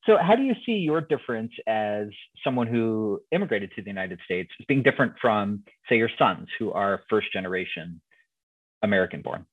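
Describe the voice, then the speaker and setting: A man's voice: on the low side, animated, moderate pace, husky. A male host interviewing guests, attentive and giving frequent affirmations over a tinny, phone-like line.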